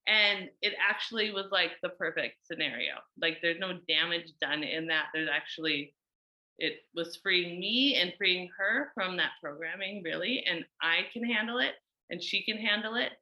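A woman's voice: fairly low pitch, lively intonation, normal speed, sharp tone, muffled recording. A woman in her thirties, a mother, talking candidly through a personal reflection with many fillers.

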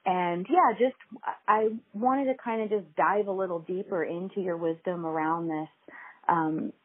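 A woman podcast host interviewing a guest, rambling and hesitant with frequent ums and restarts, recorded over a phone in low quality. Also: a little slow, husky. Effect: low-quality recording made over a phone. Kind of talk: conversational interview. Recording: tinny phone-line recording.

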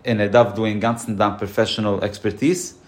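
A man's voice: on the low side, fairly even intonation, fairly quick. A man as a podcast guest giving insurance advice, emphatic and explaining through examples. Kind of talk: casual podcast conversation.

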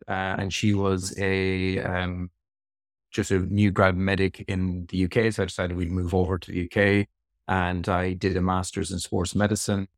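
A middle-aged man from the west of Ireland speaks with that region's accent in a low voice. He answers interview questions in a reflective, explanatory way. The sound is dry, with very little room in it. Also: no echo. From Sligo, west of Ireland. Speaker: interview guest, physiotherapist.

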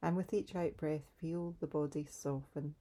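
In a low, gentle voice, a woman guides listeners through a grounding meditation. Her delivery is unhurried and soothing, with pauses left between the instructions.

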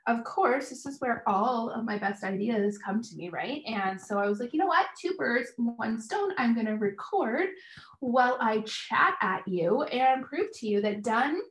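A woman's voice: fairly high pitch, animated, unhurried, fairly bright tone. A woman hosting a casual solo podcast as a business coach, chatting straight to her listeners in an upbeat way while she does her hair and makeup at home. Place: home bathroom. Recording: echoey bathroom with faint music.

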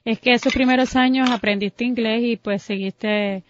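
Woman interviewer, higher pitch; long encouraging questions; dry, dull recording. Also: fairly even intonation, moderate pace, a little hiss or hum. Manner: long flowing sentences, encouraging.

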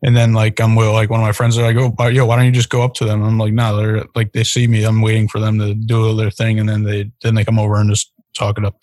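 A male guest talks quickly and casually, leaning on "like" between phrases. His delivery stays fairly flat and lowish, and the recording is dry and close. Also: no room sound. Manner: casual, heavy use of "like". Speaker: interview guest. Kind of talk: conversational interview.

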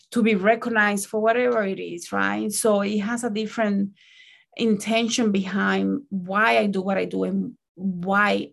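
A woman with a husky, gravelly voice speaks in a reflective vlog. She is earnest and gentle and turns often to the viewer with questions. Her voice sounds strained, as if she is losing it. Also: medium pitch. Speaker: spiritual content creator.

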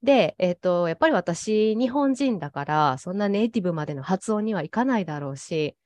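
A woman guest talking thoughtfully about her coaching, pausing often with fillers. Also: on the low side, lively intonation, a little mellow, no echo. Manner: thoughtful, pauses with frequent fillers. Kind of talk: casual interview talk.

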